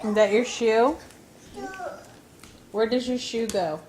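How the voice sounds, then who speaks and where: A woman's voice: on the high side, slow, echoey room, background noise. A woman filming her young children at home, alternately coaxing them in a sing-song voice and scolding them. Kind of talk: casual home video. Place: family home indoors.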